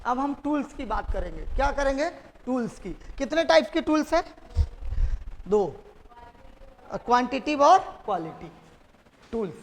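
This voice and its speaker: High-voiced man lecturing in echoey classroom. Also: expressive, normal speed, pauses often. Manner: drilling students with repeated questions. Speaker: teacher. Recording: classroom with long reverb.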